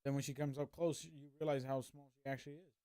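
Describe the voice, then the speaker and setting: Male streamer, mellow and dry, chatty rambling reaction commentary. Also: fairly high pitch, little pitch movement, quick pace, dry recording. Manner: rambling, hedging with fillers. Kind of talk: casual commentary.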